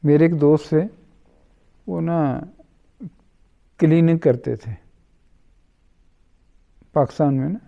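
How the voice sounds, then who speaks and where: A man's voice: fairly high pitch, creaky, pauses often, dark tone. A middle-aged man, an interview guest who tells his stories unhurriedly and acts out the other people's lines in dialogue. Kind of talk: storytelling in conversation. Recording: dull lo-fi recording.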